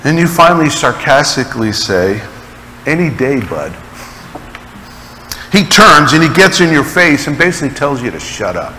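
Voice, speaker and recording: A man preaching a sermon, telling stories with an animated delivery and dramatic pauses. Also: fairly high pitch, big-room sound, a little hiss or hum, poor audio. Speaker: pastor.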